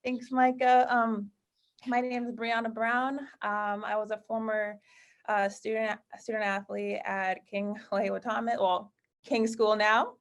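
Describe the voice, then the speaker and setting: A woman's voice: fairly high pitch, level tone, unhurried. A woman in her thirties from Connecticut, speaking as a guest on a panel, friendly and rambling, with many fillers and self-corrections. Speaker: guest speaker, college basketball staff. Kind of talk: casual panel talk on a video call.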